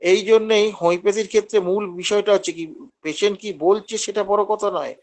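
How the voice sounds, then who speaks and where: A man's voice: high voice, fairly even intonation, fast. A man teaching homeopathy in an online class, explaining at length and acting out how patients speak. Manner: explanatory, acts out patients' lines.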